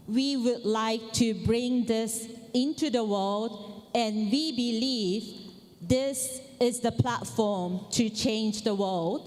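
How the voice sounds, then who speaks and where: A woman from Japan giving a conference opening talk, slow and deliberate, often asking the audience questions. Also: fairly high pitch, darkish tone. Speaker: keynote speaker. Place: large conference hall. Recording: long hall reverb.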